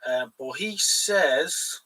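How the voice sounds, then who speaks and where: Here a man with a fairly high, animated, sharp voice talks extremely slowly. He's Irish, hosting a live stream with rambling, casual chat and free swearing, and his voice is a bit far from the mic.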